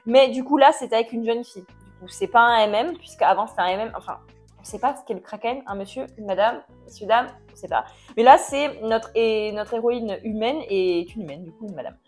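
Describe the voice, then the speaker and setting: A woman giving a casual book review chat, chatty and jokey, with mock dismay and quick self-corrections. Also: a little high, darkish tone, faint music behind.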